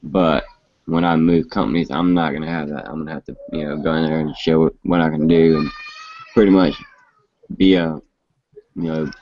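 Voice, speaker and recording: Motorcycles are the topic as this late-twenties host rambles easygoingly, restarting himself often. His pitch is extremely low with fairly even intonation at a normal speed, captured in muffled, low-fidelity live stream sound.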